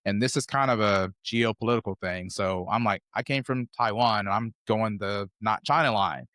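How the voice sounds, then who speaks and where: A man from the United States in his fifties, speaking as a podcast guest with a fairly low voice. He tells his story in a loose, rambling, conversational way. The sound is dry and close, with little room reflection. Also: normal speed, a bit bright, no room sound. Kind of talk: casual interview storytelling.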